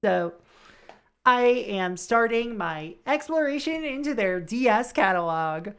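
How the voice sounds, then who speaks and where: A woman's voice: a little high, expressive, a little slow, clear, resonant tone. A woman hosting a video game livestream with casual, friendly chat in a cute anime-streamer manner. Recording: background music behind the voice. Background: music.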